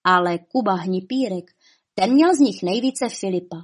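A woman narrating a fairy tale in a calm, even storytelling manner. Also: medium pitch, husky.

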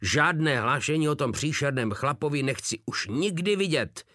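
A man's voice: fairly high pitch, lively intonation, a bit bright, dry recording, clean studio sound, pitched above the performer's own voice. A man voicing a pompous Prussian army captain who shrieks orders and loses his temper. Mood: seething. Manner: shrieking, losing control.

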